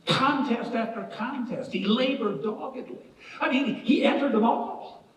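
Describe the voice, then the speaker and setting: A man's voice: very high-pitched, expressive, a little slow, fairly bright tone, a little hiss or hum, heavily acted. An actor playing a grown man wryly narrating his own boyhood in a stage musical. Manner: wry, storytelling. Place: theatre stage. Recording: echoey theatre from far off, music.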